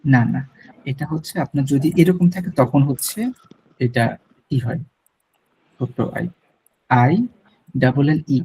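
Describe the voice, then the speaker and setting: A man teaching an online French lesson, explaining slowly, repeating words and mixing in English. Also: medium pitch, warm tone, slight background noise.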